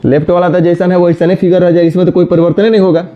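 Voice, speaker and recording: Scolding teacher. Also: male voice, sits high, level tone. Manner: scolding, brisk, addresses students directly. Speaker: reasoning teacher. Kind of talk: classroom lecture. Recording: dull lo-fi sound.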